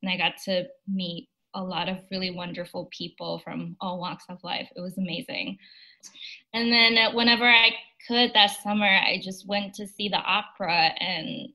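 A young woman from China speaks in a bright, clear-edged voice over a video call. She answers interview questions thoughtfully, with plenty of "um"s along the way. Her pitch sits in a middle range for a woman. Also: level tone, moderate pace, low-quality recording. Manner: thoughtful, with frequent fillers and light laughs. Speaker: opera singer, guest.

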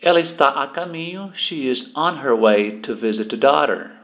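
A Brazilian man teaching English pronunciation, slowly repeating words for the learner. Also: mid-range voice, lively intonation, muffled recording. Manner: slow, deliberate, repeating words to model pronunciation. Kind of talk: language lesson explaining pronunciation.

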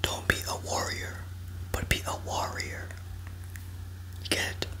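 A young man whispering soothing, encouraging affirmations as an ASMR host. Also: a little slow.

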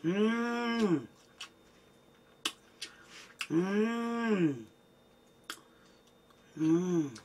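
A woman's voice: mid-range voice, lively intonation, extremely slow, long pauses, a little mellow, recorded from a distance, slight background noise. A woman hosting an eating show, humming with her mouth closed while chewing and making blunt, slangy remarks between bites. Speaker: mukbang host. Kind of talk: casual eating show chat.

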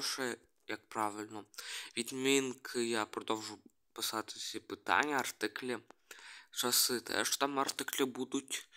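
A man presents a language he made up, moving slide by slide. His voice is bright and forward, with a mid-range pitch. He often hesitates, reads letters one by one and trails off mid-word before starting again. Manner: hesitant, reading letters one by one, many restarts. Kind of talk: screen-share explainer.

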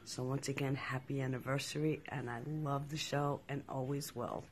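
A man from New York recording a sincere, slightly halting fan greeting on a phone in his kitchen. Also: medium pitch, level tone, a little hiss or hum. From Queens, New York.

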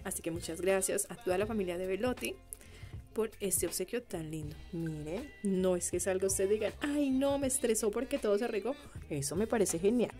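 A young woman with a Colombian accent talks through a beauty unboxing in a chatty, gushing voice of middling pitch. She exclaims often and addresses her viewers directly. Faint music plays behind her. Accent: Colombian Spanish. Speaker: beauty vlogger.

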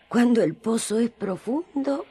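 Radio drama: old mother, humble and wry, unhurried delivery, expressive melody, affectionate teasing. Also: a little high, breathy edge, full character voice. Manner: unhurried, homely, gently teasing. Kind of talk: radio drama acting in colloquial Spanish.

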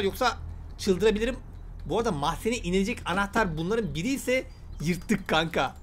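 A man's voice: high-pitched, fairly bright tone, a little hiss or hum. A man giving exasperated gameplay commentary, talking to himself and his viewers as a gaming YouTuber.

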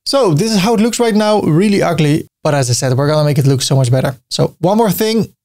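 The host is a middle-aged man from the Netherlands, a native Dutch speaker with an accent to match, whose fairly high, slightly mellow voice moves fast and expressively. Recording his screen for a website-building tutorial, he chats warmly and tosses in little jokes as he clicks.

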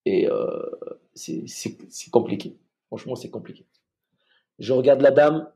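A man from Madagascar telling a personal story as a podcast guest, halting and repeating words, acting out the people he quotes. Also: medium pitch, vocal fry, dark tone.

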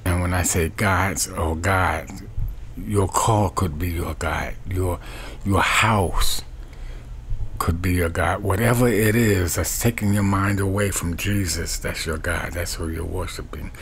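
A middle-aged man preaching a webcam sermon from a small bedroom, with a slow, repetitive preaching cadence. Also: sits low, steady tone, a bit bright, slight background noise. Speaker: street preacher.

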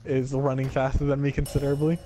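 Gamer guy with a sore throat, slow and self-mocking, swears when he loses. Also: mid-range voice, monotone, dark tone, soft background music. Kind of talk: casual gaming chat.

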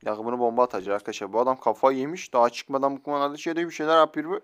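A young man streaming a mobile shooter game, excitable, swearing and joking at other players as he plays. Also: medium pitch, rapid-fire, smooth. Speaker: gaming streamer. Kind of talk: live mobile game commentary. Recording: faint game gunfire behind.

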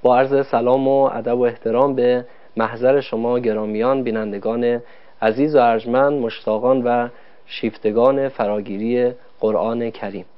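Guy teaching quran recitation, mid-pitched, explains slowly w questions, kinda dull tv audio. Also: steady tone, smooth. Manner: polite, explains step by step and poses questions. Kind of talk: formal televised lesson.

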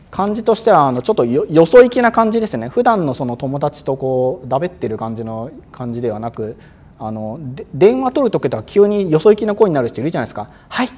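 Man lecturing with lively pitch. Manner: brisk and loud on purpose, with frequent fillers; acts out examiners and exam-day self-talk. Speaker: exam prep instructor.

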